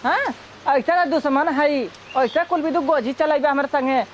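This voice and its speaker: A high-voiced woman playing a sharp-tongued village sister-in-law with an Awadhi accent. She is scornful and unyielding in a rural comedy, in slightly dull sound with faint noise. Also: moderate pace, natural voice. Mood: scornful, refusing. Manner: scornful, scolding. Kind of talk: broad rural comedy skit acting.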